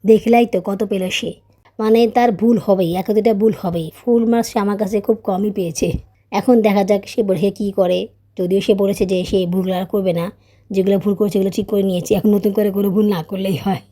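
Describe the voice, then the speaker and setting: A woman in her young adult years narrating her daily vlog as a voice-over, quick and chatty, with a soft, mellow tone. She tells her family story in a casual, personal way and keeps checking in with her listeners. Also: mid-range voice, steady tone. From Bangladesh. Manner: chatty, storytelling, often adds tag questions; raised, scolding teacher voice when tutoring her child. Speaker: vlogger, mother.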